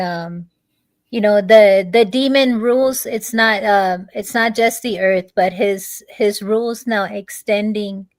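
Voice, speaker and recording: A woman guest tells a long story slowly, stumbling through fillers and restarts as she goes. Her voice sits at a middling pitch. The recording is dry and close, with no room sound. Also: dry recording. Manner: halting, with many fillers and restarts. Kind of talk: storytelling in a conversation.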